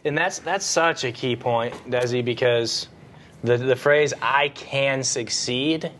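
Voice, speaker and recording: A man co-hosting a leadership podcast, speaking in a measured way and slowing down to stress key phrases. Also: medium pitch, a bit bright. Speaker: podcast co-host. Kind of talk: casual leadership podcast chat.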